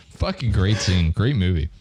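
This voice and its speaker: A man's voice: low voice, a little mellow, breathy edge. A young man co-hosting a casual podcast chat, crude, teasing and laughing a lot. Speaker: podcast co-host.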